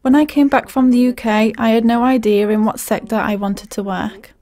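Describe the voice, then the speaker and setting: A woman reading documentary voice-over translations in a plain, measured way. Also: on the high side, darkish tone.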